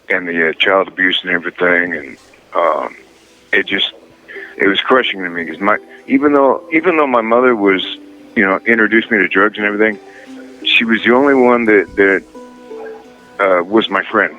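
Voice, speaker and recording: Man in his 50s, prison phone call, very low voice, bright tone, hesitant. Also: faint music behind. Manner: halting, hesitant, many pauses. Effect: prison phone line. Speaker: inmate guest calling in. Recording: muffled prison phone line.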